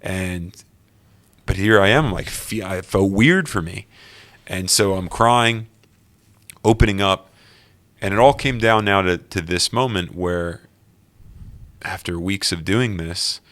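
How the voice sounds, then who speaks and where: Low-voiced man telling a personal story. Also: slow. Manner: earnest, animated storytelling. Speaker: guest.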